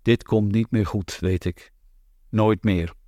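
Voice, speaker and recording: A man reading a literary novel aloud in a measured, deliberate way. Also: on the low side, steady tone, dark tone, no room sound, studio quality. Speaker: audiobook narrator.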